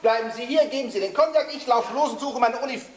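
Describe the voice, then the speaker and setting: A man's voice: very high voice, quick pace. A man playing a flustered, exasperated officer posing as a vicar in a stage farce, recorded from far off on an echoey stage. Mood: frantic. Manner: fussy and exasperated, shouting at times. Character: flustered man caught in a farce, hiding his uniform. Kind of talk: stage comedy performance. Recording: echoey stage from far off, noisy, audience laughter.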